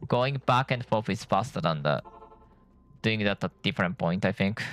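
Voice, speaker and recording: A man's voice: on the low side, lively intonation, normal speed, a bit bright. Tired man rambling over gameplay. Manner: rambling, thinking aloud with self-corrections. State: tired from lack of sleep. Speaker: gameplay streamer. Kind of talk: casual gameplay commentary.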